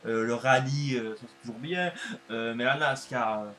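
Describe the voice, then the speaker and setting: A man's voice: medium pitch, normal speed, a bit bright, faint music behind. A man giving casual gameplay commentary, rambling with lots of fillers and crude swearing. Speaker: gaming youtuber.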